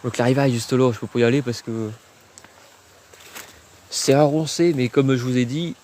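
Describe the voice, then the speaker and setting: A man talks casually into a handheld phone as he explores outdoors. His voice is dark and mellow, and he thinks aloud with frequent hesitations. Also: mid-range voice, normal speed, a little hiss or hum. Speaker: urban explorer live-streaming. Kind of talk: live-stream exploration commentary. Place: outdoors at an abandoned industrial site.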